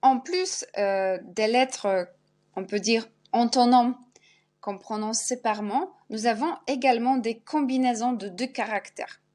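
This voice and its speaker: Slow, careful woman teaching pronunciation. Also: fairly high pitch, a little mellow. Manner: repeats each sound and example word slowly. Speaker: Polish language teacher. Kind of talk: spelled-out pronunciation lesson.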